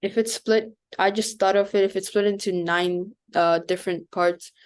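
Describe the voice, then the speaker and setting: Female student, smooth clean voice at middle pitch, thinking through a question aloud in class. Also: fairly even intonation, normal speed, a little mellow. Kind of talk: casual class discussion.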